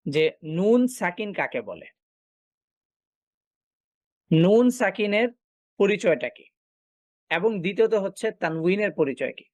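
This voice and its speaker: A man teaching a recitation class, explaining step by step and asking and answering his own questions, often pausing with filler sounds. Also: high voice, expressive, a little mellow, no echo. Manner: frequent filler sounds while thinking. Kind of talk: online class lecture.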